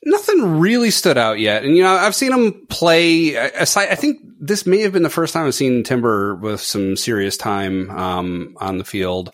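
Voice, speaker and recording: A man's voice: medium pitch, expressive, moderate pace, few pauses, a bit bright, no echo, clean studio sound. A man co-hosting a casual podcast, thinking aloud in an easygoing way. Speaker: podcast co-host. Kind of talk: casual chat.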